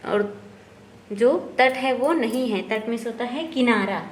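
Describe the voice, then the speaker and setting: Woman teacher, textbook lesson, patient and unhurried, slightly high voice, faint background noise. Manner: slow, explanatory, often asks and answers herself.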